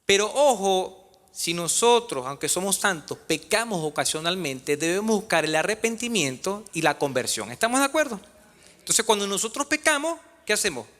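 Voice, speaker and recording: A man's voice: sits high, big pitch swings, normal speed, fairly bright tone. A man preaching a sermon as pastor, questioning his congregation in a church. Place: church sanctuary. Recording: reverberant church hall.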